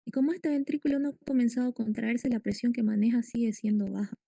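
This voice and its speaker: In a medical lecture, a woman explains things one step at a time and puts questions to the class. She speaks quickly in a somewhat high voice that is gravelly yet mellow and dark, recorded close and dry with no echo.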